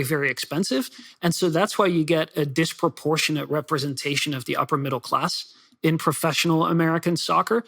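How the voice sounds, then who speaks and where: A man who grew up in the Netherlands and Belgium, a soccer writer being interviewed, talking quickly and casually with fillers and restarts. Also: on the high side, fairly bright tone. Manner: fast, chatty, with many fillers and restarts. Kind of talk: podcast interview.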